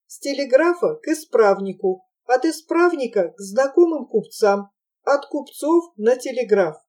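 Woman narrating, mellow and higher-pitched. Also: far from the mic. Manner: measured, expressive reading. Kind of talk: audiobook narration.

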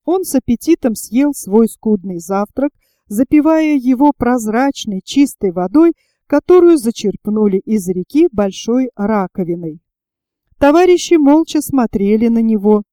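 A woman narrating an audiobook in an even, expressive reading. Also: a little high, a little slow, no echo.

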